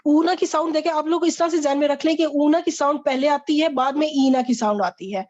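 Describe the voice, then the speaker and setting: A woman's voice: sits high, a little mellow, muffled recording. A woman teaching an online Arabic grammar lesson, quizzing a student and explaining patiently.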